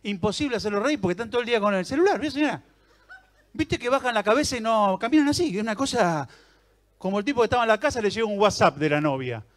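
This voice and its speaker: A man's voice: high-pitched, expressive, fast. A man with an Argentine accent doing live stand-up comedy on a theater stage, teasing and chatting with the audience. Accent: Argentine Rioplatense Spanish.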